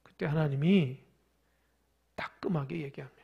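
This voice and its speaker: A male pastor preaching a sermon. He swings between soft near-whispers and loud, emphatic appeals, and he leads the congregation in reading aloud together. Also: fairly high pitch, moderate pace, vocal fry, slightly rough, lo-fi sound.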